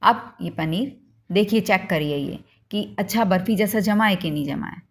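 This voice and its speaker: A woman's voice: medium pitch, normal speed. A woman hosting a home cooking demonstration, explaining each step to viewers in a homely, instructive way. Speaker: cooking channel host.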